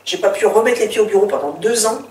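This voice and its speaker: A middle-aged French woman tells her story as a guest in a casual interview, with frequent hesitations and restarts. Her medium-pitched voice is steady and darkish, and she speaks at a quick pace. The recording is roomy, with a distant mic and faint background hiss.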